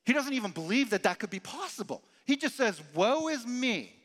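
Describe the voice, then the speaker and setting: High-voiced guy preaching, super lively, big echoey church hall. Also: quick pace. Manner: animated, emphatic preaching with dramatic drops to quiet. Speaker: pastor. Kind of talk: sermon.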